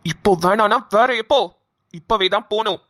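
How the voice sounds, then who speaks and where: A woman's voice: medium pitch, no echo, clean studio sound, lightly acted. A woman voicing a young male doctor in a cartoon, pushy and demanding as he presses his girlfriend for an answer. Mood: exasperated. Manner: pushy, demanding, rapid questioning. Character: young man, insistent doctor pressing for marriage. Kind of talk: cartoon voice acting.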